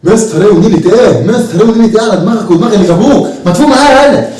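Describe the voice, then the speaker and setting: A man's voice: high-pitched, racing, warm tone, close to an everyday voice. A man playing a scolding Egyptian teacher. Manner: mocking, threatening, preachy. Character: exasperated, stick-wielding male teacher. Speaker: comic actor. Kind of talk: comedy sketch acting. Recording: echoey room, mic far off.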